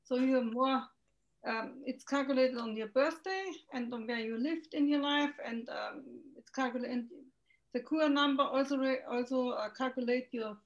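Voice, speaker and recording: A middle-aged woman from Germany with a German accent, a native German speaker, talking hesitantly with many pauses as a guest on a video call. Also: high-pitched. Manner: hesitant, searching for words with many ums. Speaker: guest, feng shui consultant. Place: home room with window. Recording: dull lo-fi video call audio.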